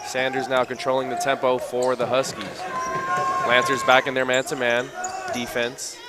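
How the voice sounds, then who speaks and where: A man calling live college basketball play-by-play in brisk, clipped phrases that rise on big plays. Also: mid-range voice, monotone. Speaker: play-by-play announcer. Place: college gym. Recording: loud crowd and gym noise.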